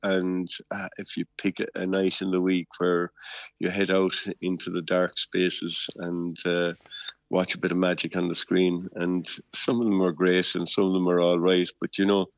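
An older man from Kerry with a lilting Irish accent, chatting anecdotally as an interview guest in a rambling, halting storyteller's way with homely comparisons. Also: low voice, monotone, no echo. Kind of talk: casual, anecdotal radio chat.

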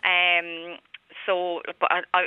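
Female phone-in guest, southeastern Irish accent, smooth conversational delivery, telephone-line sound. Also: fairly low pitch, monotone, slow, no echo. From Ireland, from Wexford. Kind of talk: conversational personal account. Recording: narrow-band telephone line.

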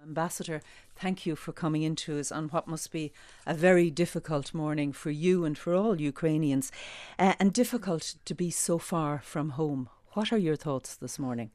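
A woman radio interviewer opening an interview, gentle and formal. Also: low voice, normal speed, few pauses, no room sound.

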